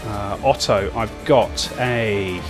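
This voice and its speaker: A man runs a tabletop role-playing game as game master. He narrates in a halting, suspenseful way, picking his words as he goes, with music clearly playing behind him. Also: lowish voice. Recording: background music under the voice.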